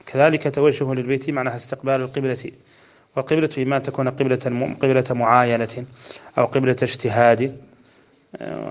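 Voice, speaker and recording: A man from Mauritania, teaching a religious lesson by explaining a poem line by line. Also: medium pitch. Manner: slow measured chanting of verse, then brisk explanation. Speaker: Islamic scholar teaching a text.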